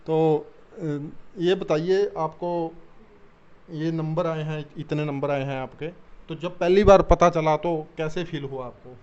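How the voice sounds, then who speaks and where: A man interviews a guest for a local news channel. His voice sits a little high and comes through a dull, lo-fi recording. He asks friendly questions and often pauses on a filler. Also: fairly even intonation, a little mellow, clear, resonant tone. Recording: dull lo-fi sound.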